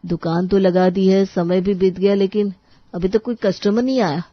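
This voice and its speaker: A woman's voice: mid-range voice, steady tone, moderate pace, dry recording, close to an everyday voice. A woman voicing a worried, grumbling young husband who runs a tea stall in a cartoon, scolding his wife. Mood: gloomy. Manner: scolding, complaining. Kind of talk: cartoon voice acting. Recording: dull dry studio voice-over.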